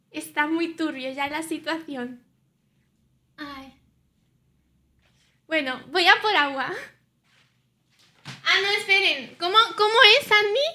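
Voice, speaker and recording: A young woman streamer with a very high voice talks loosely with her chat. Her tone is bright and forceful, and she has a playful, teasing way of going back and forth with viewers.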